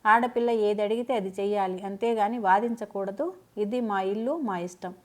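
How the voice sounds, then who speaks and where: A woman's voice: medium pitch, moderate pace, close to an everyday voice. A stern middle-aged mother-in-law who lays down the house rules in a scolding, commanding voice, as read by a woman. She is a storybook figure in a family drama.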